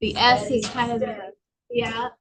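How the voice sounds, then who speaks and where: Woman trainer, slightly high voice, loose rambling delivery, faint background noise. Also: level tone, unhurried, fairly bright tone, rough recording. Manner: loose and rambling, with many fillers. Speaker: workshop presenter. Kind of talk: casual office training talk.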